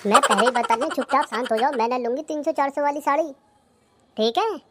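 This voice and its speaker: A woman's voice: high voice, a little fast, background noise, natural voice. Woman voicing a demanding village wife. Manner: bossy, listing demands. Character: demanding village wife, shopping-mad and sharp-tongued. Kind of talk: cartoon comedy voice acting.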